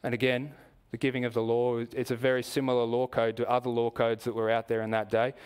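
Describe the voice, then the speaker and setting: In a church, a man with an Australian accent preaches a sermon, explaining things in a measured way and putting questions to the congregation. His voice is medium-pitched, level, darkish, clear and resonant.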